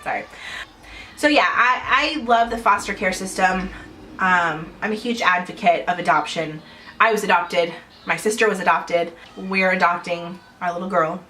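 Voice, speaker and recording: A woman's voice: on the low side, normal speed, pushed and bright, soft background music, low-quality recording. A young adult woman vlogging at home in casual chat to camera, chatty and rambling with frequent small laughs.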